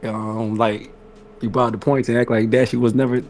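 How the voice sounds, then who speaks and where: Philly guy cohosting a wrestling pod, animated slangy storytelling, faint hiss behind. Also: mid-range voice, normal speed. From West Philadelphia. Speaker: podcast co-host. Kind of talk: casual wrestling podcast chat.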